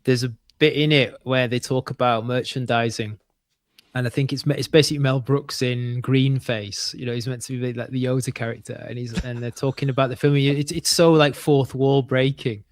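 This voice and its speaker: A man's voice: mid-range voice, fairly even intonation, moderate pace, no room sound, clean studio sound. A man co-hosting a podcast, speaking in rambling, wry asides, often stopping and restarting mid-sentence. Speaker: podcast co-host. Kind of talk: casual conversation.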